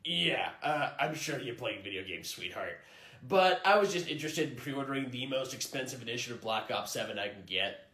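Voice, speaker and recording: A man's voice: mid-range voice, lively intonation, fairly quick, bright, forceful tone, reverberant, pitched below the performer's own voice. A man playing a condescending male gamer customer, muttering and patronizing. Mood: smug.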